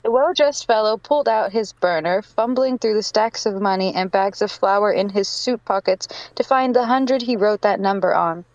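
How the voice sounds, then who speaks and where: A woman's voice: medium pitch, moderate pace, hardly any pauses, a little mellow, no room sound, muffled recording. A woman narrating a fan fiction aloud to friends, giggling through her reading.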